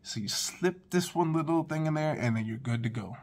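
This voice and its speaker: A man in his thirties gives a laid-back, chatty first-impressions review of fragrances from his living room, talking straight to his viewers. His voice is on the high side, expressive, and fairly quick.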